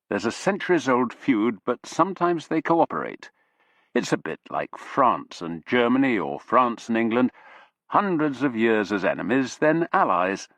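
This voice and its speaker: A man doing a slow-spoken Corsican businessman. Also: medium pitch, a bit bright, no echo, highs cut off. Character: Corsican businessman in his fifties, measured.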